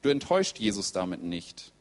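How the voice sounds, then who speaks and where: A man's voice: on the low side, moderate pace. Preacher man in a reverberant hall. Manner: lively storytelling, acts out quoted voices. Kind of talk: sermon.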